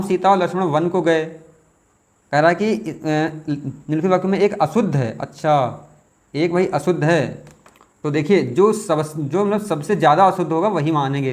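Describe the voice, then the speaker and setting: A man teaching, working through exam questions aloud, repeating words slowly as he thinks aloud. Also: a little high, darkish tone. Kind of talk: test question walkthrough.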